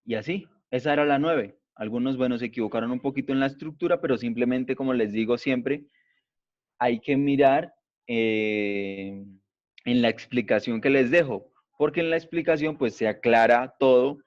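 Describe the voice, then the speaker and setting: A man's voice: mid-range voice, moderate pace, a little mellow, dry recording. A man teaching an English class, explaining step by step in a patient way and often checking that students follow. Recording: dull lo-fi recording.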